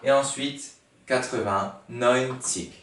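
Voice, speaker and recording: A man's voice: mid-range voice, takes it slowly, fairly bright tone, a little hiss or hum. A man teaching a lesson, spelling words out letter by letter and patiently repeating each one as he thinks aloud. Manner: patient, repeats each word several times. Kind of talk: explaining a language lesson to a class. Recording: echoey room, voice far from the mic.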